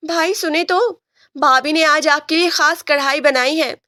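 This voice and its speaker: A woman's voice: high voice, pushed and bright, no room sound, clean studio sound. A woman reading as a playful giggly younger sibling. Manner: playful, laughing.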